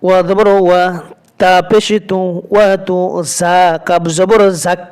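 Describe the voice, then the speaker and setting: Give me a man teaching Quran recitation at a slow drilling pace, with a clear, resonant voice. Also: sits high, flat delivery. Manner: slow syllable-by-syllable drilling, drawn-out chanted recitation. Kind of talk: spelling out Arabic letters and vowels, then chanting the words.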